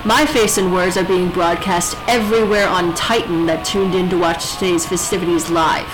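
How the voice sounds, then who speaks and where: A woman's voice: lowish voice, steady tone, normal speed, music in the background, lightly acted, low-quality recording. A woman playing a defiant rebel leader who broadcasts threats in a grand, coolly menacing manner. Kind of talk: audio drama acting.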